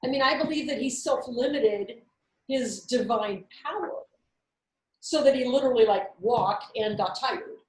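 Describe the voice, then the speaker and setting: Animated high-voiced woman in an echoey room. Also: a little slow. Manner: animated, candid storyteller. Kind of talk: casual faith discussion.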